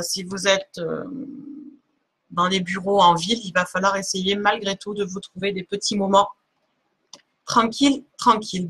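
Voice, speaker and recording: Bright-voiced woman doing a slow card reading. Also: mid-range voice, husky. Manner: many fillers and restarts, laughs at herself. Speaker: spiritual card reader on a live stream. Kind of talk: live oracle card reading, casual and hesitant.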